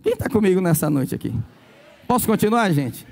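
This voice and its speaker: A man's voice: sits high, expressive, a little fast. A Brazilian pastor preaching a sermon, telling stories and acting out the people he quotes. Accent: Brazilian Portuguese. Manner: storytelling preacher, acts out quoted voices.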